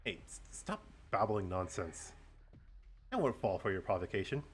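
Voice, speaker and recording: A man's voice: lowish voice, sing-song, normal speed, breathy edge. A man reads the part of a serious young woman student in a game. She is impatient and defiant, answering in curt, indignant lines.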